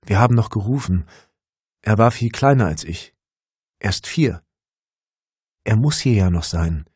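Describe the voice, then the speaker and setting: A man voicing a timid, sad young boy who speaks hesitantly and quietly. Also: fairly low pitch, expressive, unhurried, breathy edge, no room sound, clean studio sound.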